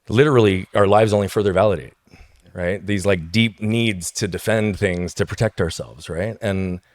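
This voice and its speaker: Deep-voiced man, emphatic storyteller. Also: dry recording. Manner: emphatic, tags points with "right?". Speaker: guest speaker. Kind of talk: podcast interview, personal storytelling.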